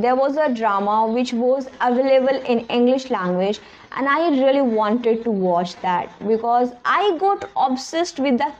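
A young adult woman, a native Hindi speaker, talks earnestly and directly to a close-range camera in her small bedroom about learning English. Her voice is slightly high and a bit mellow, and the recording has its highs cut off.

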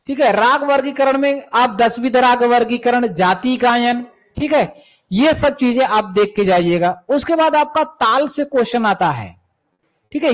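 A man's voice: very high-pitched, poor audio. A man coaching students for music teacher exams, who repeats key terms and speaks to students as "beta" while answering viewer questions.

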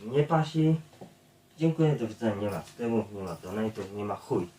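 A man's voice: on the low side, moderate pace, warm tone. A man streaming a blunt, profane, repetitive rant to his viewers, addressing them over and over. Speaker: YouTube streamer. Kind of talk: ranting monologue to viewers. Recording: echoey room, far from the mic.

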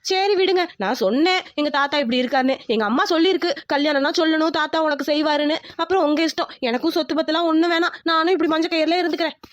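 A woman voicing a bold, cunning young village wife who nags loudly and insistently in a cartoon. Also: high voice, rapid-fire, few pauses, no room sound, muffled recording, close to an everyday voice. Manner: loud, insistent, nagging. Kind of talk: cartoon voice acting.

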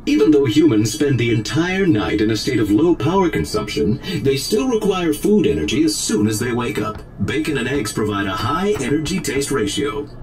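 A man's voice: medium pitch, big pitch swings, moderate pace, a little mellow, faint music behind, rough recording. A man voicing a polite male robot guide in a game, with a synthetic robot sound and dry, matter-of-fact instructions. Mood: instructive.

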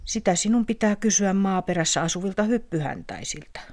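A woman's voice: medium pitch, animated, darkish tone, voice pushed up. A woman voicing a tired, fallen mango tree that speaks tenderly in a whisper. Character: weary dying old mango tree, gentle.

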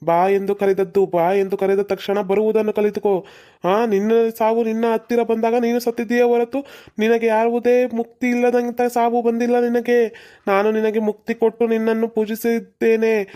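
A stern old exorcist priest in a cartoon, speaking in a flat, dark, measured voice and summoning a spirit with slow formal commands. A performer puts him on. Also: medium pitch, lightly acted. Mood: commanding.

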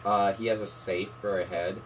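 Low-voiced young man, distant, music behind. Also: flat delivery, normal speed, slight background noise. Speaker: gamer friend. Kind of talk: casual gaming chat.

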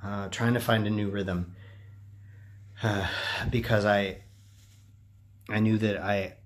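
A middle-aged running vlogger records a casual personal vlog on a phone held at arm's length, rambling and poking fun at himself. His voice is fairly low, flat and slow.

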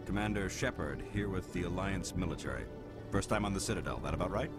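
A man's voice: low-pitched, fast, close to an everyday voice. An actor playing a polite, businesslike male requisitions officer in a video game. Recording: game audio under loud music.

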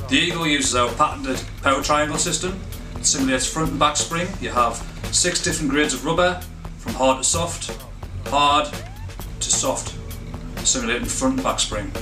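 A man presenting a tattoo machine he designed, in steady product-promo narration. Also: medium pitch. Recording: roomy promo with music behind. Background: music.

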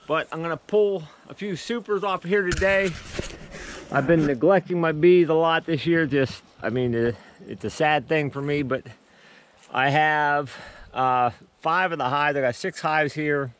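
A man's voice: a little high, unhurried, fairly bright tone, slight background noise. A middle-aged man filming a casual walk-and-talk vlog outdoors on a head-mounted action camera, talking in an easygoing, rambling way with many restarts. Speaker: vlogger and beekeeper. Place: outdoors at a rural building site.

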